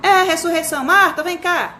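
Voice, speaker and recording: A woman's voice: sits high, lively intonation, brisk, fairly bright tone, a little hiss or hum. Woman reading as a distracted, hesitant father. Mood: offhand. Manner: hesitant, offhand. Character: distracted father eager to read his newspaper.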